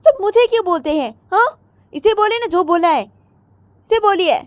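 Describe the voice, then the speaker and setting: A woman's voice: very high voice, animated, moderate pace, no room sound, voice pushed up. A woman voicing a young wife who keeps protesting her innocence and blaming her partner in a raised voice. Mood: defensive, indignant. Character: young wife Radhika, defensive and quarrelsome.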